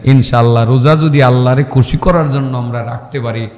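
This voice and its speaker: A man's voice: mid-range voice, fairly even intonation, a little fast, darkish tone. A man preaching a waz sermon, telling a story and breaking into a sung, chanting delivery at its climaxes. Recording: echoey hall with long reverb.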